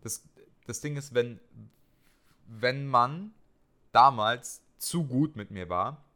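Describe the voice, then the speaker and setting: A young man, co-hosting a casual podcast chat and telling an animated story. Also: medium pitch, slow. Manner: animated storyteller, acts out quotes in raised voice. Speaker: podcast co-host.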